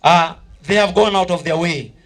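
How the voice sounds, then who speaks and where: A Kenyan man emcees a live awards event over background music, his voice high, a bit bright, and at normal speed. He alternates between reading from a script and hyping the crowd, exhorting them and repeating himself.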